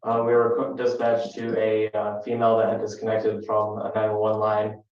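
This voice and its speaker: A man testifying as a state trooper, answering questions hesitantly with frequent ums. His low, monotone voice sits far from the mic, dull and very echoey. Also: moderate pace. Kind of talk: courtroom testimony. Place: courtroom. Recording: distant, dull, echoey courtroom audio.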